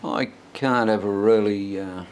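A man's voice: lowish voice, a little slow, slight background noise. An elderly Australian man, an old veteran remembering his younger days in a rambling, anecdotal way for an oral history. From Sydney, Australia. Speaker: interviewee, war veteran.

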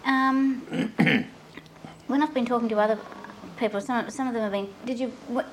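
A woman's voice: fairly high pitch, normal speed, slight background noise, rough recording. A woman asking casual, tentative questions as an oral history interviewer.

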